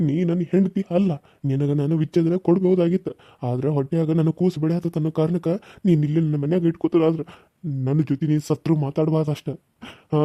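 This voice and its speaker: A man plays a betrayed young village husband in a cartoon serial, anguished and bitter, with a North Karnataka accent. His voice is fairly high and very dark. The recording is dry and a bit muffled. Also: no echo, natural voice. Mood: hurt angry. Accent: North Karnataka Kannada. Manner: anguished, emotional. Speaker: voice actor.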